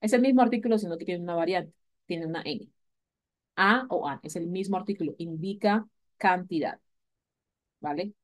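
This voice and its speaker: A woman with a fairly low voice teaches an English grammar lesson to a class at a moderate pace, pausing often. In this recorded lecture she explains patiently, repeats key points, and checks in with students, frequently asking "¿vale?"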